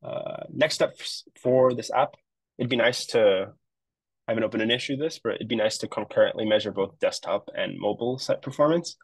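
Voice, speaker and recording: A man's voice: mid-range voice, a little fast, slightly rough, no echo, low-quality recording. A man on a marketing web team giving a casual, explanatory screen-share walkthrough of a project he set up, with frequent fillers. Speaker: web developer.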